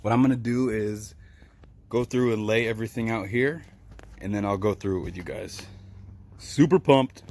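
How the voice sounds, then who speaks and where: A man vlogging casually, telling animated, excitable stories with fillers and laughs, partly recorded outdoors. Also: fairly low pitch, fairly quick. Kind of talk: casual vlog storytelling.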